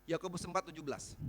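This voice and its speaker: A man's voice: fairly high pitch, a bit bright, breathy edge. A man from Indonesia preaching a church sermon, emphatic, asking the congregation questions and answering them himself. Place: church hall.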